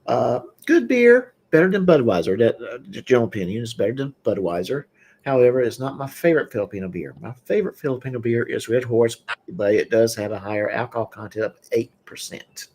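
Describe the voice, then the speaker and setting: A husky man hosting a casual online chat. He rambles along in a mid-range voice, full of fillers and quick laughs, and talks like he's relaxing over a beer. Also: medium pitch, expressive, a little mellow. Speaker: podcast host.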